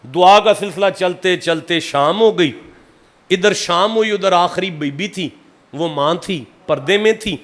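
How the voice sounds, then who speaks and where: A man from Pakistan, preaching a sermon and telling a story that swings from hushed tones to shouting. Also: high voice.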